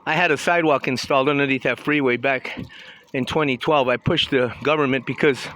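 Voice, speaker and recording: A man's voice: medium pitch, fairly even intonation, brisk, fairly bright tone, rough recording. A man in his sixties from Southern California, chatting in a rambling, opinionated way with many restarts as he walks around a town outdoors. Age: 60s. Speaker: vlogger. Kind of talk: casual walking commentary. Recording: outdoor street noise with passing traffic.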